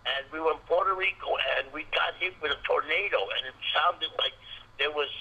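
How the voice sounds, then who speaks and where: A man calling in to a talk show over a phone line that keeps breaking up, speaking haltingly and repeating his words. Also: fairly high pitch, pushed and bright, husky. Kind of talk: casual phone call. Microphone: telephone.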